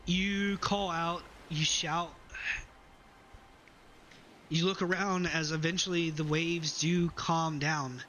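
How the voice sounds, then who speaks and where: A man narrating as game master of a tabletop game, calm and descriptive. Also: a little high, slow, long pauses, slight background noise, poor audio.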